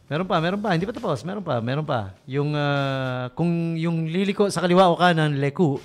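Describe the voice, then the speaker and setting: A man's voice: on the high side, animated, brisk, over music. A man with a Filipino accent hosting a casual radio show, joking and chuckling at his own puns. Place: radio studio.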